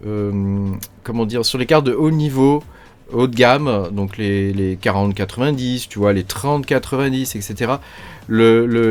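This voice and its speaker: Chatty French-speaking man, screen tutorial. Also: mid-range voice. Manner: chatty, filler-heavy, addresses viewer as tu with frequent hein. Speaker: crypto mining YouTuber. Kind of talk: casual screen-share tutorial.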